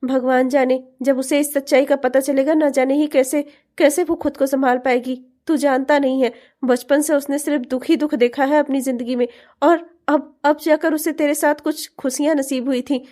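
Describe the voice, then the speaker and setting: A woman's voice: sits high, steady tone, normal speed, mellow, close to an everyday voice. A woman voicing a conscience-stricken young male friend in a cartoon, earnest and scolding. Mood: guilty. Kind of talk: cartoon voice acting.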